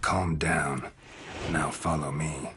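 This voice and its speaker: An actor playing a grim, stoic monster hunter in a video game, speaking in a dry, laconic way. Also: male voice, a bass voice, flat delivery, takes it slowly, heavy background noise.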